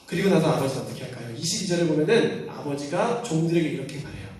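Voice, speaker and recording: A man, a youth pastor, giving a lively sermon to teenagers and acting out the quoted voices as he tells the story. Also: on the high side, fast talker. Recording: roomy echo, distant mic.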